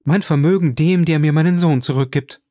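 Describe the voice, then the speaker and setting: A desperate young noble mother, voiced by a man, pleads in a high, breathless voice. The audiobook sound is dry and close, with some grit in the tone. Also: lively intonation, measured pace, darkish tone, dry recording. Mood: frantic pleading. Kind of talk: audiobook reading.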